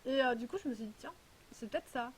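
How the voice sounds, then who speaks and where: Chatty woman with a high voice. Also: fast, slight background noise. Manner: chatty, rambling, full of hesitations. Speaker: vlogger unboxing a parcel. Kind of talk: casual chat.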